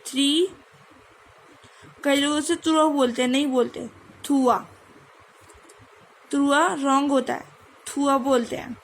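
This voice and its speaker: A woman's voice: sits high, fairly even intonation, unhurried, long pauses, rough recording. A woman teaching French number pronunciation, mixing Hindi with English and sounding out each word. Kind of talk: online language lesson.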